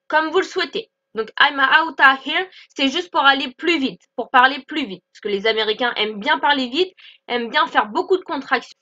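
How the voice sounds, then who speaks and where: A woman teaching English in in an online lesson, explaining clearly and repeating example phrases slowly. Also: sits high, bright, forceful tone, highs cut off.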